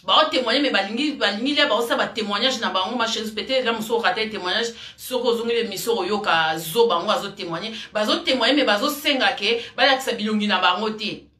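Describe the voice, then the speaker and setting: A woman's voice: mid-range voice, quick pace, pushed and bright, roomy sound. Indignant woman. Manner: emphatic, repetitive, rambling, addresses viewer as "ma chérie". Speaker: vlogger. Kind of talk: indignant commentary to camera.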